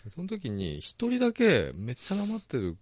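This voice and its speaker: A man co-hosting a podcast in casual chat, relaxed, laughing often, dropping into low murmured asides. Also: moderate pace, no room sound. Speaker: podcast co-host.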